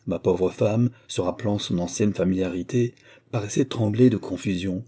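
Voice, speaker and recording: Man reading an old novel aloud, low mellow voice, steady and formal. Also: moderate pace, breathy edge. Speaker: audiobook reader. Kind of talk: audiobook narration.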